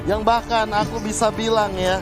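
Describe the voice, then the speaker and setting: High-voiced male esports analyst. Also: level tone, moderate pace. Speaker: esports analyst on the commentary desk. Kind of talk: conversational match analysis. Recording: loud music behind the voice. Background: music.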